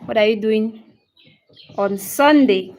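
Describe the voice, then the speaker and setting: Slow-talking Cameroonian woman in her thirties. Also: fairly high pitch, a little mellow. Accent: Cameroonian English. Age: 30s. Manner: greets viewers by name and answers their comments one by one; repeats phrases, checks in with "okay?". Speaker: English teacher hosting a livestream. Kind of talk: casual livestream chat.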